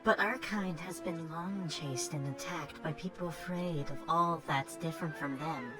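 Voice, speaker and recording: A woman voicing a knowing, encouraging witch mentor in a game, speaking in a measured, theatrical way. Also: deep voice, loud music behind the voice.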